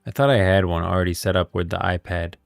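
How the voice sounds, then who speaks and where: Fast-talking and low-pitched, with vocal fry, a smooth tone and fairly even intonation, a man hosts a livestream and chats casually. He thinks aloud in slangy language, calling viewers guys and bros, over faint music with no echo.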